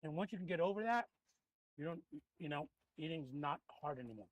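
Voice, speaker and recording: A man's voice: a little high, lively intonation, a little fast, no room sound. Chatty man rambling over dinner. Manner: rambling, restarts with fillers while explaining. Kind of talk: casual chat over a meal.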